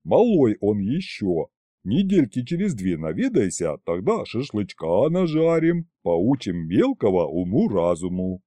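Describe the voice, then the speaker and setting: A rough, blunt male dragon grumbles in a lowered, growling voice, played by a man reading an audiobook. The tone is warm and dark. The sound is close and dry. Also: very animated, unhurried, no room sound. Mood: gruff. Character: gruff grumbling male three-headed dragon.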